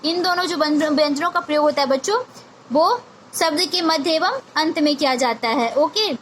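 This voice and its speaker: A woman's voice: sits high, normal speed, a bit bright, slight background noise. A woman teaching a grammar lesson to young children, repeating each point and asking questions she answers herself, mixing in English words.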